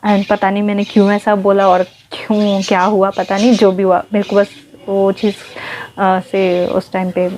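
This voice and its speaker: A woman vlogger casually recounting her own ghost experience, speaking very softly and mixing in English words. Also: medium pitch, level tone, normal speed, slight background noise. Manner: speaks very softly, near a hush; mixes in English words, frequent fillers like okay. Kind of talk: casual first-person storytelling.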